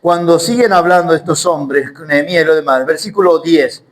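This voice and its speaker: A man's voice: a little high, normal speed, poor audio. A man teaching the Bible in a sermon, emphatic and full of rhetorical questions.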